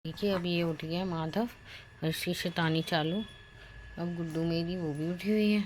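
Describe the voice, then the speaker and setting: Chatty young mom, low-pitched voice. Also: female voice, steady tone, normal speed. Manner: chatty and affectionate, soft-spoken while babies sleep. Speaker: vlogger, mother of twins. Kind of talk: casual home vlog chat. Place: home.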